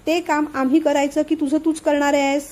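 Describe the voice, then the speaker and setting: A nosy, sharp-tongued aunt prods her nephew for answers, as a woman storyteller gives her a voice. The voice is high and mellow, in a read-aloud family story. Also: little pitch movement, fairly quick, natural voice. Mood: prying. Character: meddling, sharp-tongued middle-aged aunt.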